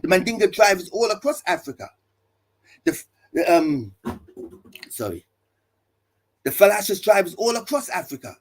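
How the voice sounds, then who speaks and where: A man's voice: high voice, sing-song, moderate pace, long pauses. A male pastor preaching to listeners, building his points with emphatic repeated refrains and rhetorical questions. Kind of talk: preaching talk.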